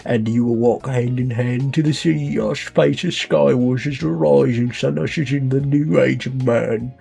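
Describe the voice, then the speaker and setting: A man voicing a grandiose male leader of an underground city, in a put-on British accent and a booming, rousing manner. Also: measured pace, gravelly, warm tone, breathy edge, faint music behind, heavily acted.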